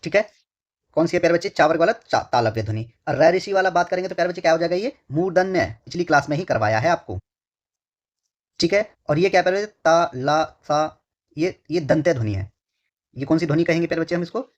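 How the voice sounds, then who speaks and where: A male tutor teaching an online exam-prep class talks fast in a fairly high, animated voice. Repeating phrases and answering the questions he asks, he keeps speaking fondly to his students, and the lo-fi recording sounds dull.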